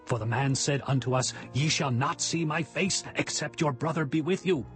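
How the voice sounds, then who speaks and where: A man's voice: fairly high pitch, moderate pace, fairly bright tone, natural voice. An actor playing an earnest Israelite son who pleads with his father in formal archaic language, in a dramatized scripture reading. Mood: insistent. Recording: music behind the voice.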